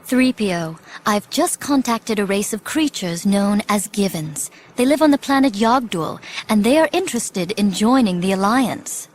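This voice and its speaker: An actress playing a decisive young princess and rebel leader, earnest and assertive, in an audio drama. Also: female voice, medium pitch, animated, moderate pace, hardly any pauses, slight background noise, lightly acted. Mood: earnest, businesslike.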